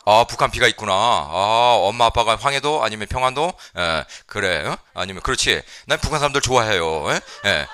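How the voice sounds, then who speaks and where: Lively, bright-voiced man preaching a sermon. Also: on the low side, brisk, hardly any pauses, clean tone, no echo. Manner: lively, playful, mixes in English phrases, frequent "예?" prompts to the congregation. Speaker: missionary preacher. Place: church sanctuary.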